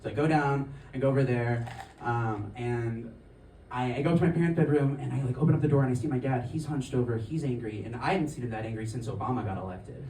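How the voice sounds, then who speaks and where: On stage, a man does a stand-up set, rambling through conversational stories packed with filler words. His mid-range voice is quick and dark-toned, captured with a distant mic in an echoey room with a little hiss or hum.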